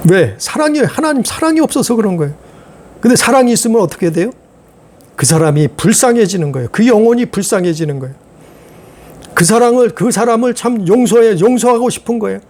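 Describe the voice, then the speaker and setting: High-voiced preacher asking rhetorical questions. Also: male voice, animated, fairly quick, a little mellow. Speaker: pastor. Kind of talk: sermon.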